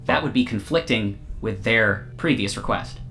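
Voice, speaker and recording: A man voicing a small, glowing male AI construct that speaks in a calm, formal, overly literal way. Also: on the low side, moderate pace, creaky, slight background noise. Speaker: game master. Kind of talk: tabletop game role-play.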